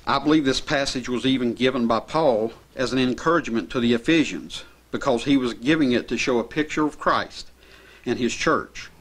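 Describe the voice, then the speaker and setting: A middle-aged man delivers a sermon from behind a pulpit microphone in a small chapel. He reads scripture passages in an earnest, steady manner and explains them at an even, measured pace. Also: mid-range voice. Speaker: preacher. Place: small church chapel indoors. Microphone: pulpit mic.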